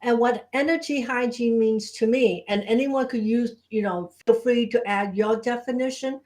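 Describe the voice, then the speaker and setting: A woman's voice: fairly high pitch, moderate pace, darkish tone. Woman co-hosting a casual live chat. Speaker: co-host and Reiki teacher.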